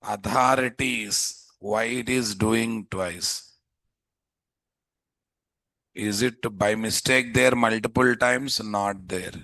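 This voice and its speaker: A man with a Telugu Indian accent teaching a live software class, informally thinking aloud and repeatedly putting questions to students. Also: on the low side, steady tone, slow, long pauses, dry recording. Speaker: programming instructor.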